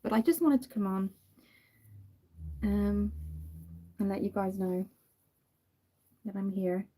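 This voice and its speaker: An Irish woman from Dublin, young and with a Dublin accent, hosts a makeup livestream, chatting casually while she does her makeup. Her mellow, warm voice sits at a medium, everyday pitch, and she takes it slowly, rambling in a relaxed, apologetic way with frequent ums. She stops often to greet viewers by name.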